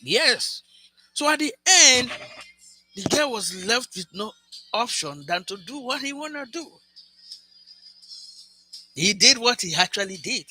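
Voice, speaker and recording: A man's voice: very high-pitched, big pitch swings, measured pace, pauses often, pushed and bright, soft background music. A man telling a cautionary love story to camera in an earnest, lecturing way, speaking straight to his viewers and often restarting his words. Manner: frequent restarts and repeated words. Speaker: vlogger giving relationship advice.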